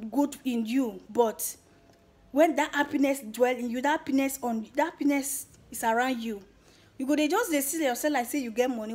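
A young woman with a Nigerian accent thanking her subscribers in a casual vlog, excited and emotional, slipping between Pidgin and English. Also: high-pitched. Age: young adult. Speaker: YouTuber.

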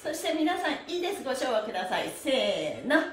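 Leading a live online exercise lesson, a middle-aged female stretch instructor counts and chats with participants at a quick pace, high and upbeat, laughing often. She works on a mat in a small room, recorded with echo by a camera a few steps off.

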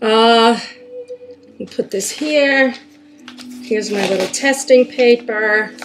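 Slow-talking woman chatting over her crafts. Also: fairly high pitch. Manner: slow, chatty, talks while working. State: chewing gum. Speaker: art journaling crafter. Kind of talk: casual craft tutorial chat. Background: soft soundscape music from a TV.

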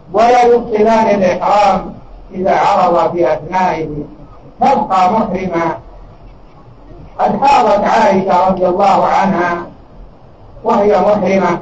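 Heard distantly and dully in a large mosque hall, an older Saudi-accented man whose voice sits high delivers a religious lesson. He answers questions measuredly and emphatically over a noisy background.

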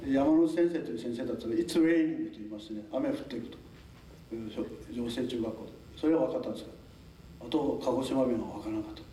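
A fast-talking older man from Tokunoshima in Japan's Amami Islands delivers a formal lecture to locals in a mellow, medium-pitched voice. He's polite and talkative, chuckling frequently and adding asides. A distant mic in an echoey hall catches a little hiss or hum.

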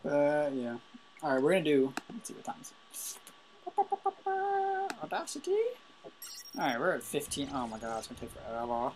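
A young man giving live gameplay commentary, frustrated and swearing loudly at other players. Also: medium pitch, steady tone, fast, slight background noise. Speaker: gaming video host.

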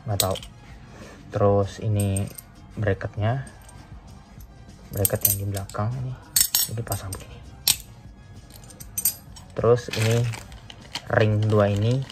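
A young man casually chatting to viewers while unboxing a phone holder in a small room beside a motorbike. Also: lowish voice. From Indonesia. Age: young adult. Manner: chatty, addresses viewers as guys. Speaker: motovlogger reviewing a phone holder. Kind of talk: casual Jakarta-slang unboxing chat.

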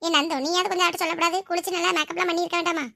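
Girl playing a teasing older sister-in-law in a home skit, coaxing and firm, bright high voice. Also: flat delivery, rapid-fire, vocal fry, no echo, exaggerated voice.

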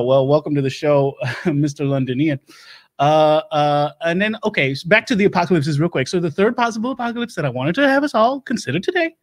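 A man does improv character comedy as a livestream host, a rambling, manic, self-assured Louisiana doomsday prepper. Speech comes out fast and stumbling, with loud, high bursts and drawling asides.

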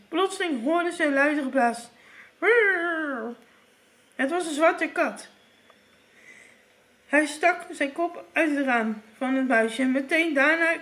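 A woman's voice: high-pitched, a little slow, a bit bright. A woman reading a fairy tale aloud, often stumbling and restarting. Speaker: storyteller.

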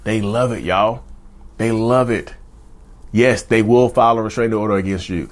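A man's voice: on the low side, steady tone, moderate pace. A man in his thirties hosting a mental health channel, talking straight to camera in an emphatic, repetitive way and calling viewers y'all. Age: 30s. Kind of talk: direct-to-camera advice talk. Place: indoor studio with backdrop.

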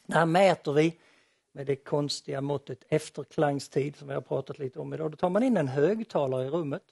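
A man's voice: a little high, creaky, darkish tone, slightly rough, no room sound, clean studio sound. A man giving an explanatory lecture presentation on acoustics, with a light touch of humor.

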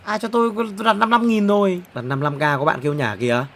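A young man, streaming himself opening player packs in a football game. He is excitable and swings from loud exclamations to low muttering. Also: quick pace, a little hiss or hum. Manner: excitable, exclamatory, jumps between shouting and muttering.

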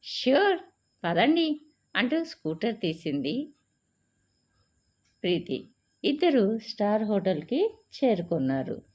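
Slow, expressive woman storyteller. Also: medium pitch, slightly rough. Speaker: audiobook narrator. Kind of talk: storytelling narration. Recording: dull lo-fi recording.

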